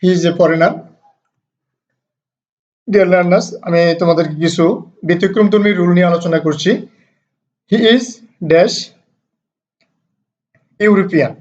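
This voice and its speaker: A man teaching English grammar in a recorded lesson, explaining rules patiently, with many hesitations and slow, deliberate reading of English examples. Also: high-pitched, fairly even intonation, darkish tone. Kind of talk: recorded lesson, mixing two languages. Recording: dull lo-fi recording.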